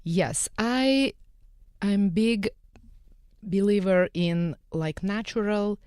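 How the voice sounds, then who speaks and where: This woman from Eastern Europe, a skin care salon owner, appears as a guest on a radio panel, speaking with a Russian accent into a studio microphone. Her mid-range voice is a little mellow and smooth with drawn-out words, the sound clean and echo-free, and she talks earnestly while often dropping articles.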